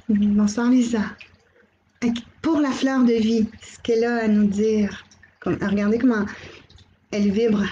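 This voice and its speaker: A middle-aged woman with a Québécois accent, hosting a live channeling stream, gently relaying messages and greeting viewers by name. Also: a little high, steady tone, a little slow, dull audio, slight background noise. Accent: Québécois French. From Quebec.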